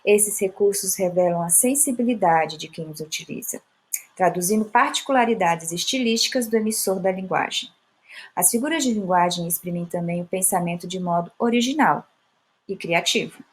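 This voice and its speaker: Patient woman teaching. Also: fairly low pitch. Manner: patient, explanatory, stretches out example words slowly. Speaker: Portuguese teacher. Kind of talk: classroom lesson on poetic meter.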